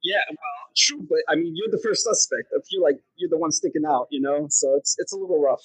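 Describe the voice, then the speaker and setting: A man co-hosting a casual podcast, animated and joking, laughing often as he talks. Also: a little high, a little fast, breathy edge, no echo, low-quality recording. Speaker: podcast co-host.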